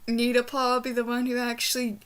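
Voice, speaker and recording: Speaking a little fast in a high, clear, resonant voice with a completely flat delivery, a young book reviewer chats in a rambling review vlog. She records in a small bedroom indoors, and her R's come out as W's.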